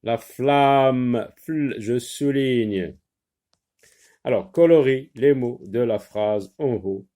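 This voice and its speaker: A man's voice: medium pitch, slow, warm tone. A man with a Maghrebi French accent, teaching a reading lesson and patiently sounding out syllables.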